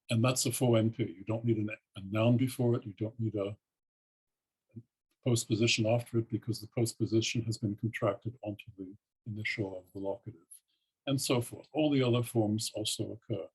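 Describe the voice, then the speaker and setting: An older man giving an academic keynote lecture, explaining in a measured way with frequent pauses and ums. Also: mid-range voice, darkish tone, husky, rough recording. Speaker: keynote speaker, linguistics professor.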